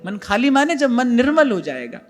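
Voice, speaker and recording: A man with a very high voice and big pitch swings, speaking at a normal speed, delivers a devotional discourse as a spiritual teacher in an ashram hall. Earnest in tone, he repeats key phrases for emphasis and calls his listeners "brother." Faint music plays behind him.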